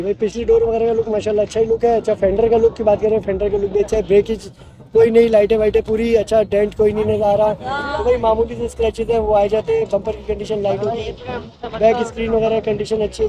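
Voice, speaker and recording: Fast-talking upbeat male car vlogger. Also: sits high, sing-song, gravelly, poor audio. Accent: Karachi Urdu. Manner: fast, upbeat salesman patter, repeats "bhai". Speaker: vlogger showing used cars. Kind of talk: casual walk-around car review. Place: outdoor car market lot.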